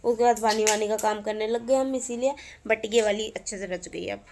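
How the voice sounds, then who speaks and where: A woman's voice: mid-range voice, steady tone, normal speed, a little mellow. A young woman chatting casually to her viewers in a family vlog at home, rambling through stories and cooing to a baby now and then. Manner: chatty, rambling storytelling, coos to a baby in between. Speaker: family vlogger.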